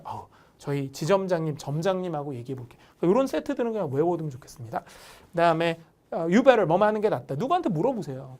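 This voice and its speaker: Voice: mid-range voice, a little mellow. A Korean English-test instructor giving an online lecture who acts out short quoted dialogue lines as examples. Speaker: TOEIC listening instructor.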